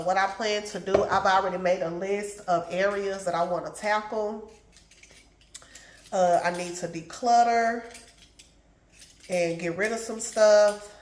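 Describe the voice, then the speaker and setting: A middle-aged woman, a lifestyle vlogger, chats casually while cooking in her home kitchen. Her voice is fairly low and reverberant, and she sounds congested as she calls her viewers "y'all" and "baby."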